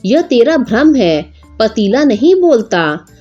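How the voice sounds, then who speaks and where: A woman's voice: on the high side, sing-song, slow, warm tone, slightly rough, highs cut off, faint music behind, full character voice. A woman voicing a stern middle-aged village father who scolds and counts money.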